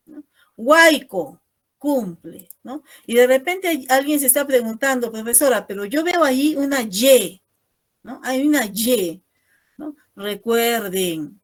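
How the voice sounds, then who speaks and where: A woman teacher giving an online class over a video call, explaining patiently and ending most phrases with a questioning "no?". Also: fairly high pitch.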